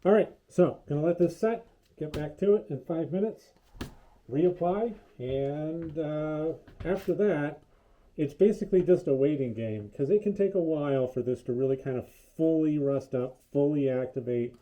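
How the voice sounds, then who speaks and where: A man's voice: fairly high pitch, normal speed. Muffled man talking through a respirator mask. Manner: relaxed and rambling, with frequent fillers. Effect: muffled as if through a wall, speaking through a respirator mask. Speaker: DIY hobbyist demonstrating a paint finish. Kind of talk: casual how-to narration.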